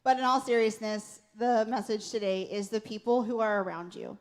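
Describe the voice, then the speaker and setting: A woman speaks from a church stage in an earnest, storytelling way. Her voice is somewhat higher than average, and she leans on "um" and "right?" as she talks. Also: fairly even intonation, normal speed. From Pennsylvania. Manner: earnest storytelling, tag questions. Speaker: worship leader, guest speaker. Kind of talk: conversational sermon. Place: church stage before a congregation.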